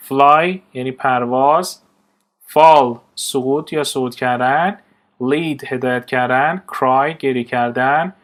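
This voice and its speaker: A man with a Persian accent teaches English vocabulary in a steady drill. He reads each English word and then gives its meaning, in a voice of middle pitch.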